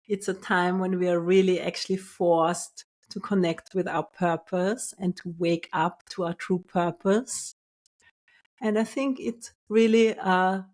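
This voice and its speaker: A woman from Austria hosting her own podcast, speaking in a calm, measured and soft-spoken way as a spiritual business coach. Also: fairly low pitch. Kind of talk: scripted solo podcast.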